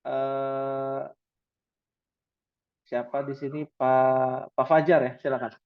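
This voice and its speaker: Encouraging Arabic teacher, lo-fi call. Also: male voice, medium pitch, flat delivery, clean tone. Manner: encouraging, repeats words slowly for students. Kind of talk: online class teaching.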